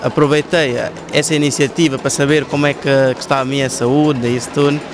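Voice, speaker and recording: A man's voice: on the high side, fairly even intonation, fast talker, over music. A young man interviewed with a handheld mic, answering hesitantly and repeating words as he talks. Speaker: event visitor.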